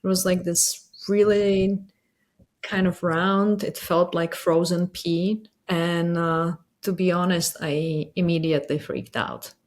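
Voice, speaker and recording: A woman in her thirties from the Czech Republic with a Czech accent, telling her story slowly with many pauses and fillers. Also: fairly low pitch, steady tone, a little mellow. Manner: hesitant, many fillers, reflective. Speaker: patient sharing her story. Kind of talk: personal testimony interview.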